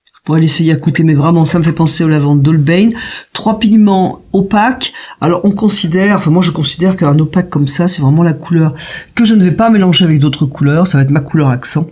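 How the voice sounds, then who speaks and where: A woman narrates a watercolour palette test at her desk, thinking aloud and pausing often on fillers. Her voice is warm and mellow, with a breathy, slightly husky edge. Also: sits low. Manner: chatty, hesitant with many fillers, thinking aloud. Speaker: watercolour painter testing a palette. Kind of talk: casual tutorial narration.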